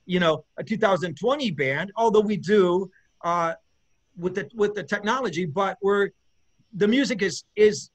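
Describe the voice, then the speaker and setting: A man with a notably high voice, a rock bassist giving an interview. He rambles, stumbles and restarts, but his enthusiasm for the music comes through. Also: moderate pace. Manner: rambling, searching for words, lots of restarts. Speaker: bass player in an eighties rock band. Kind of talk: casual interview chat.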